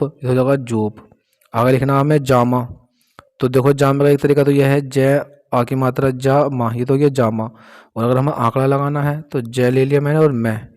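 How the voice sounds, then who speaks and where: A man, teaching in a patient step-by-step way. He keeps asking his students a question and then answering it himself. His voice sits at a middle pitch for a man. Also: darkish tone. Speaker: shorthand teacher. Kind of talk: explaining a lesson step by step.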